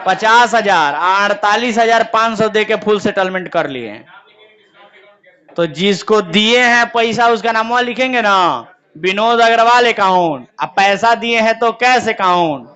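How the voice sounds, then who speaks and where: A young man teaches a class, firing questions at his students and then answering them himself. His voice sits high for a man. The classroom recording sounds muffled and lo-fi. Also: bright, forceful tone. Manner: quizzing students, call and response. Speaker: accountancy teacher. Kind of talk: classroom lecture.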